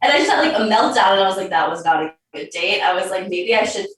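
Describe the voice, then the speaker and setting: A woman's voice: medium pitch, lively intonation, fast, a bit bright. A young woman guest telling a story casually, full of "like" fillers. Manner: chatty, lots of "like" fillers. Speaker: podcast guest. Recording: roomy, distant mic.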